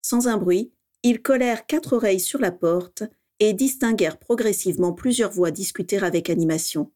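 A woman reads a story aloud, narrating steadily and with expression. Her voice sits at an ordinary middle pitch. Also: normal speed, mellow. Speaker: reader.

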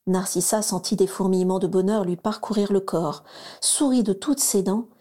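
A woman narrating a children's story aloud in a smooth, even storytelling manner. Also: medium pitch, moderate pace. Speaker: reader.

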